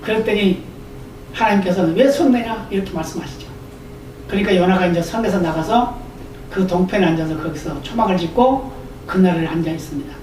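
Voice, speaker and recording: Pastor preaching in an echoey church. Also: female voice, on the low side, darkish tone, slight background noise. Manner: slow deliberate scripture reading, acting out quoted lines. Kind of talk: sermon with scripture reading. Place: church sanctuary. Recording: echoey church room from far off.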